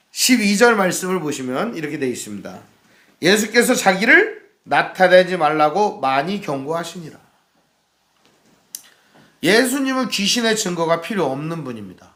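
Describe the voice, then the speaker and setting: A man preaching a sermon as pastor in a church, asking the congregation questions and acting out the shouts he quotes. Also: sits high, big pitch swings, moderate pace, pauses often, reverberant.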